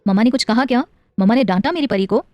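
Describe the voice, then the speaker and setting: A woman voicing a playful, doting young husband and father in an audio story, speaking gently and coaxingly. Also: fairly high pitch, expressive, quick pace, no room sound, lo-fi sound, natural voice.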